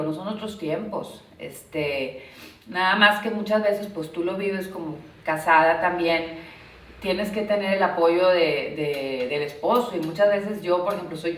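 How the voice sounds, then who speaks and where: A middle-aged woman from Mexico being interviewed, chatting through family stories with lots of "este" and "pues" fillers. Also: lowish voice. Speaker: interviewee, former party leader. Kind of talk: casual interview storytelling. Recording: roomy echo, speaker far from mic.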